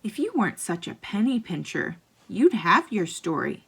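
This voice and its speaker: A woman's voice: medium pitch, very animated, normal speed, vocal fry, a bit bright, husky, heavily acted. A woman putting on a smug show-off mouse cousin. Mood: scheming. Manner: brash, boastful, wheedling.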